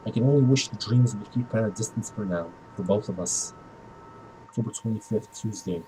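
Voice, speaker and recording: A man reading a weary young man's quiet inner thoughts. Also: lowish voice, slight background noise, lightly acted, low-quality recording. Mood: reflective. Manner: quiet, reflective, measured. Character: tired young man narrating his own thoughts. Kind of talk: first-person story narration.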